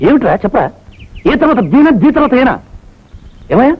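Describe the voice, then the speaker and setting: An actor playing a short-tempered, pompous boss who badgers people with sharp repeated questions, in comic film acting. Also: male voice, very high voice, very animated, brisk, slightly rough, heavily acted. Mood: badgering. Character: blustering, short-tempered male boss, middle-aged. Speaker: pompous boss interviewing job applicants. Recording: dull film soundtrack with faint music.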